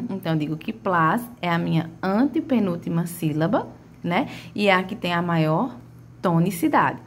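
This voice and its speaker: A woman's voice: on the low side, lively intonation, normal speed, a little hiss or hum. A woman teaching a grammar lesson, stretching out and calling out example words as she explains.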